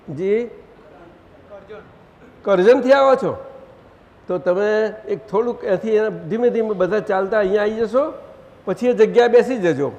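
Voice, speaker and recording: A man leading a satsang, gently directing the audience and asking them questions. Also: high voice. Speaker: spiritual teacher leading a satsang. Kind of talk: conversational religious gathering talk. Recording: long hall reverb.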